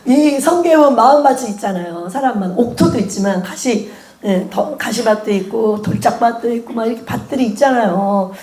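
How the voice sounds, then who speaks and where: Laughing Korean church teacher, echoey room. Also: female voice, on the high side, a little fast. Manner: animated storytelling, laughs often, acts out prayers. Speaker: prophecy school teacher. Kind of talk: sermon-style teaching with personal testimony.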